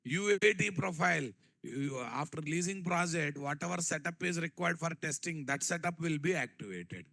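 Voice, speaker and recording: This programming instructor, a man with a Telugu Indian accent, teaches a technical class in a live classroom-style lecture, repeating phrases and quizzing listeners with rhetorical questions. His voice sits on the high side, expressive and gravelly, pushed and bright, at a moderate pace, with no echo.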